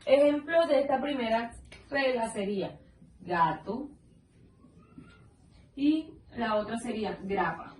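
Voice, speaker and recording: A woman teacher giving a lesson. She is patient and sounds words out slowly, syllable by syllable. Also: fairly high pitch, expressive, a little mellow. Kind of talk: slow explanatory lesson. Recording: roomy echo, mic at a distance, faint background noise.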